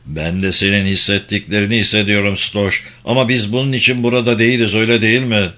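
A man's voice: fairly low pitch, fairly even intonation, fast talker, bright, forceful tone. A man voicing a firm, level-headed commander in an audiobook who insists his friend stay put.

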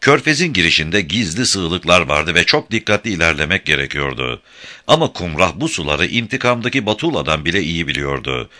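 Deep, bright, expressive male narrator. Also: brisk. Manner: dramatic, expressive storytelling. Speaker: audiobook narrator. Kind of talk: dramatic scripted narration.

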